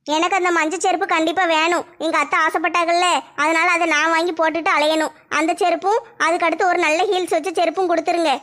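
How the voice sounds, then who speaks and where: Woman, very high voice, bright tone, bickering village comedy skit, dramatic wailing. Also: fairly even intonation, quick pace, hardly any pauses. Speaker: skit performer voicing village women.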